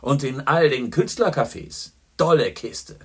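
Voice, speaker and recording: A man voicing a boisterous, worldly middle-aged journalist who talks loudly and boastfully. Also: medium pitch, animated, measured pace, slightly rough, voice pushed up, full character voice. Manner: loud, hearty and boastful.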